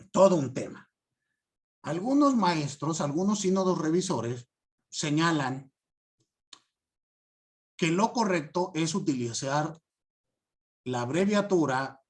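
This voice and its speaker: A man giving a class lecture, stressing key words and often asking students if it is clear. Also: a little high. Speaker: law teacher.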